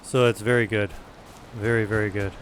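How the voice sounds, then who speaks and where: A man's voice: lowish voice, steady tone, moderate pace, soft background music. Chatty man streaming a game. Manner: chatty, self-deprecating. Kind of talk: casual gaming chat.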